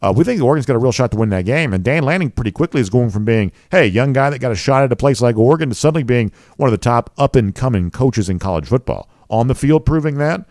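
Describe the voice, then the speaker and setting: A man's voice: mid-range voice, lively intonation, fast talker, few pauses, darkish tone, no room sound, studio quality. A man hosting a sports talk show, giving conversational college football commentary and leaning on key words for emphasis.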